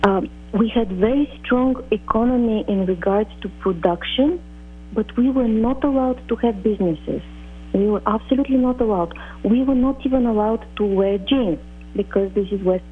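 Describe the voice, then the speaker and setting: A middle-aged woman from Bulgaria, a guest telling her life story in an earnest, measured, sometimes halting way. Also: on the high side, husky. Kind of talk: reflective personal storytelling. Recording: phone-like narrow audio.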